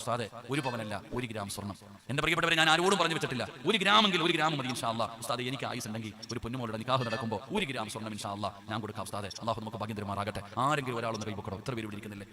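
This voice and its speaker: Male preacher, rapid impassioned sermon, slightly raised voice, live audience audible. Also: medium pitch. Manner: impassioned, pleading, addresses listeners directly as brothers and sisters. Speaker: Islamic preacher. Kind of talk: emotional sermon to a live gathering. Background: crowd of listeners.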